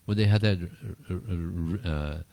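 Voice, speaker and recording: Low-voiced guy answering questions at a small spiritual gathering, laughs a lot, trails off and repeats himself, dry sound. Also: measured pace, gravelly, warm tone, dry recording. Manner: chuckles often, repeats words, rambling storytelling. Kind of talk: informal talk and Q&A.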